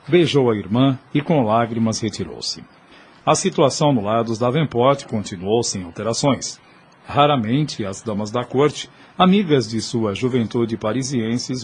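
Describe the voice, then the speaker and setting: A man with a mid-pitched, somewhat husky voice narrates a period audio drama. His delivery is solemn, literary and formal.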